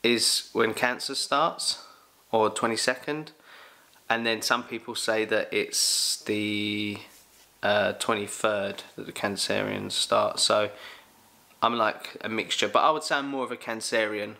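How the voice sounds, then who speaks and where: A young man with a London accent chats through a casual Q&A with jokey energy. His low voice is gravelly yet bright and forceful. He bursts into loud, excited exclamations. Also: a little slow. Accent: London English. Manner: animated, jokey, exclaims loudly. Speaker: vlogger answering questions. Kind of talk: casual Q&A chat.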